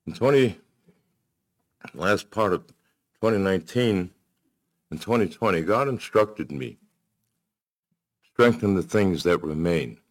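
A man preaching a sermon to his congregation, measured and emphatic, with pauses. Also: sits low, lively intonation. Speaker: pastor.

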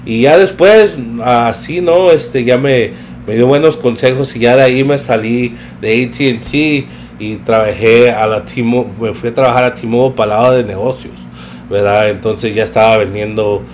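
A young man telling a story in a relaxed, slangy way, mixing in English phrases. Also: medium pitch, moderate pace, a little hiss or hum. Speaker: podcast guest telling his career story. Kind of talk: casual storytelling chat.

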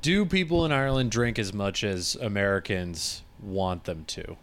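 Laid-back male host, somewhat low pitch, conversational. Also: normal speed. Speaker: podcast host. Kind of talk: casual podcast chat.

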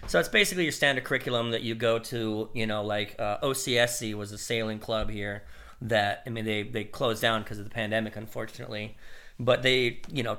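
A man hosting a casual podcast, explaining his sailing-instruction job in a relaxed, rambling way, laughing often. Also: mid-range voice. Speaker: podcast host. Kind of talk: casual chat.

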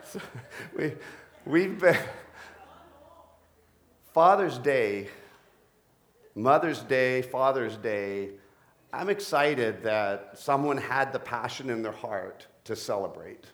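Preaching slowly and with frequent pauses, a middle-aged pastor with a deep voice stays animated and trades playful jokes with his congregation.

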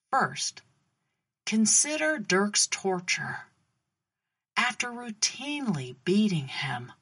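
Slow, breathy woman telling a faith story. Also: mid-range voice, a bit bright. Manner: dramatic storytelling with pauses and questions to the listener.

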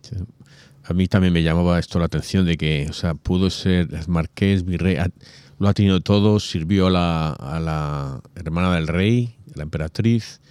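A man's voice: deep voice, normal speed, clear, resonant tone, no room sound. A man in a casual religious conversation, talking animatedly and acting out quoted voices. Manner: animated, acts out quoted voices, many asides.

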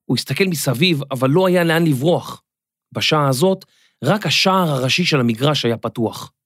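A man narrating a scripted children's story in a clear, expressive storytelling manner. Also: on the high side, no room sound. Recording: dry studio, faint music.

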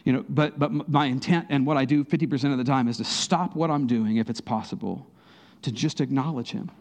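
A man preaching a sermon as pastor, talking conversationally, rising in bursts of emphasis and dropping to a soft near-whisper in prayerful moments. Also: medium pitch, brisk.

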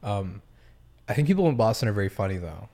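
A man with a low voice hosts a relaxed podcast chat. He grew up in Massachusetts and keeps asking curious questions, tossing in dry jokes. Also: quick pace. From Massachusetts, United States. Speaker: podcast host. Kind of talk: casual podcast conversation.

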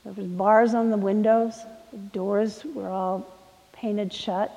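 A woman preacher telling a story in a sermon, dramatic and moving between hushed and emphatic delivery. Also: medium pitch, fairly even intonation, slow pace, vocal fry, long reverb tail.

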